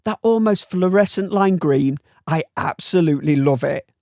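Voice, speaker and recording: Gravelly Northern English man, dry and wry. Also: on the high side, moderate pace, darkish tone, no echo. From Northern England. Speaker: watch reviewer. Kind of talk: scripted review voice-over.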